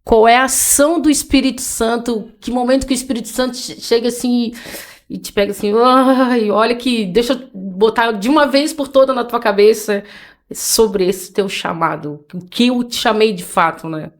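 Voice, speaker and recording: A woman's voice: a little high, moderate pace. A woman host, asking reflective questions in a casual faith interview and often checking in with "né". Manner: reflective, probing questions with frequent "né". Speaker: podcast host.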